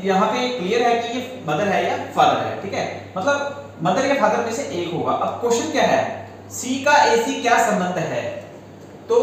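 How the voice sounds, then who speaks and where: Step by step, a male reasoning teacher whose voice sits high explains an exam-prep lesson and checks with his students, using Hindi laced with Indian-accented English words. The room is very echoey, the mic is distant, and slight background noise can be heard.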